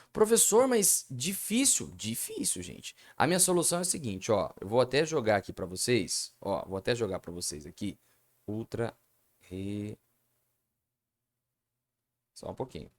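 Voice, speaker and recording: A Brazilian-accented man talks his way through exam questions in a video lesson, his pitch rising and falling a lot. He speaks to the audience in a chatty way and answers his own rhetorical questions. His voice sits at a middling pitch. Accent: Brazilian Portuguese. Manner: asks rhetorical questions and answers them himself; chatty, addresses viewers as "gente". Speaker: Portuguese language teacher.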